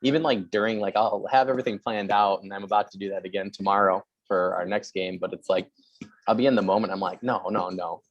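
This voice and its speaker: A man's voice: on the low side, fairly even intonation, fast, no room sound, lo-fi sound. A man hosting a podcast, talking eagerly in a casual chat with lots of "yeah" and "you know". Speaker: podcast host.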